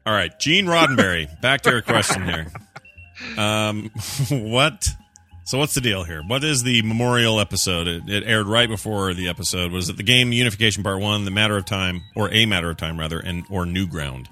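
A man co-hosting a casual talk show, joking and reading out trivia in quick banter. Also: lowish voice, animated, sharp tone, faint music behind. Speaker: podcast co-host. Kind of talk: casual chat.

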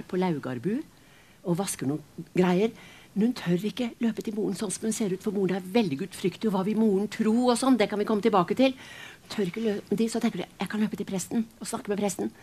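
Woman storyteller, casual and animated, dramatic retelling, mid-pitched voice. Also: husky. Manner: animated, dramatic, with restarts and fillers. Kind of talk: casual spoken retelling of a novel.

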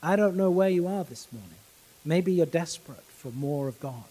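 A man preaching a sermon in a measured, earnest way, pausing to stress his words. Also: on the high side, animated, warm tone, big-room sound, poor audio. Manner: measured, earnest, with slow emphatic pauses.

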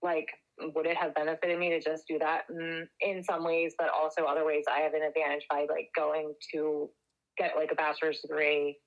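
A young adult woman chatting casually as podcast co-host, heard over a speakerphone, relaxed and swearing offhandedly. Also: low voice, normal speed, narrow, tinny audio. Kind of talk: casual chat.

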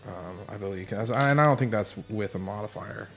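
A man's voice: on the low side, fairly quick, soft background music. A man chatting casually as a player in a tabletop role-playing game.

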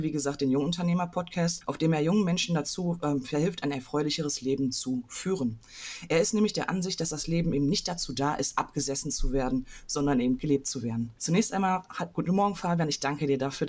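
Brisk fast-talking woman podcast host. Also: deep voice, a little mellow. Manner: brisk, friendly, reads her introduction. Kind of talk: podcast interview.

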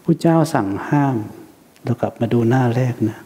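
A man's voice: mid-range voice, normal speed, mellow, in a large hall. A man teaching a Buddhist dharma talk in a conversational manner, asking rhetorical questions and acting out the voices he quotes.

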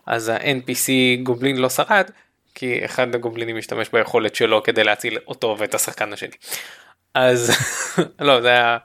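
A man co-hosting a casual podcast chat, telling a game story with lots of laughter. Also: mid-range voice. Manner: animated storytelling, laughs often. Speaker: podcast co-host.

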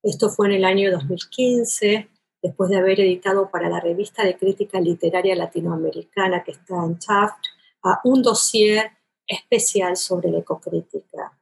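A woman from Buenos Aires, a literary scholar with a porteño accent, talks at length in an academic interview. Her mid-range voice is steady, creaky and husky at a moderate pace, and she speaks thoughtfully and elaborately, restarting often and tacking on "¿no?".

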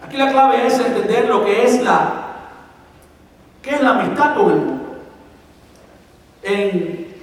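A man's voice: high-pitched, animated, takes it slowly, long pauses. A man preaching a sermon as pastor, explaining his points and repeating them for emphasis. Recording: echoey hall, voice from far off.

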